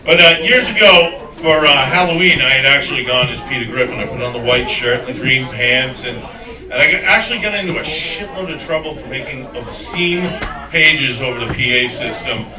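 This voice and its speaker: A man's voice: mid-range voice, animated, moderate pace, far from the mic. A man doing a rambling, self-mocking stand-up routine full of crude jokes. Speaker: stand-up comedian. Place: comedy club stage. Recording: roomy club sound from afar with crowd. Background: audience laughter.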